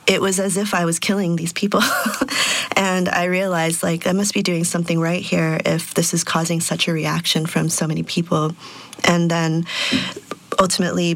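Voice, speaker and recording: Her voice is lowish and gravelly as she reflects on interview questions, using many fillers. She's in her thirties, a sound artist and DJ who was born in Peru and grew up in Texas.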